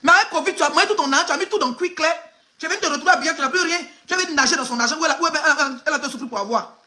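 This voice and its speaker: Her voice is high-pitched and sharp, and she races through her words. An Ivorian online gossip blogger, she comments live in Ivorian-accented French, emphatically mocking the person she addresses directly.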